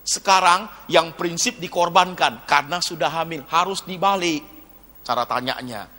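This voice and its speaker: A man preaching a sermon as pastor, animated, swinging from quiet asides to loud exhortations. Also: fairly high pitch, moderate pace. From Indonesia. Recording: long hall reverb.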